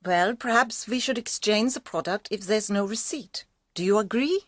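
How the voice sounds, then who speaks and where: Woman as assertive, mid-pitched manager. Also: normal speed, no room sound, close to an everyday voice. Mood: reasonable. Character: reasonable female manager offering compromises in a meeting. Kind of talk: scripted language-course meeting dialogue.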